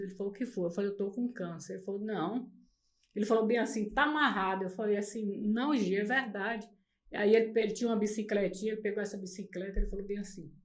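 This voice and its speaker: Woman, middle-aged, guest on a podcast, earnest storyteller voicing each person she quotes, slightly high-pitched. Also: a little mellow. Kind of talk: personal faith testimony in conversation.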